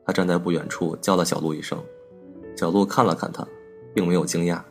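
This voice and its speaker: A man narrating a personal story as a podcast host, in a calm, measured and wistful manner. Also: sits low, vocal fry, faint music behind.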